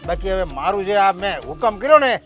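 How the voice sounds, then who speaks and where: A high-voiced, domineering village headman. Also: lively intonation, a little fast, fairly bright tone, soft background music. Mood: stern. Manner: stern, commanding, pronounces sentences. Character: proud domineering middle-aged male village headman. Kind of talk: village family stage drama.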